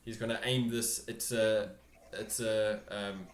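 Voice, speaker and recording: Slow, halting male game master, echoing room. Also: on the low side, little pitch movement. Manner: halting, searching for words, repeats phrases. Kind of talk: improvised tabletop game narration. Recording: roomy, echoing home recording.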